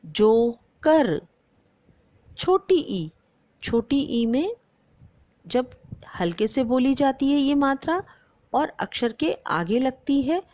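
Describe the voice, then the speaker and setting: A woman teacher talks young pupils through a grammar lesson with a fairly high, very animated voice. She speaks slowly and stretches out each example word, often stopping to put questions to the children. The sound is dry and close. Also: no echo. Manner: slow and deliberate, stretching out example words; addresses the pupils often and asks them questions. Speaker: primary school teacher.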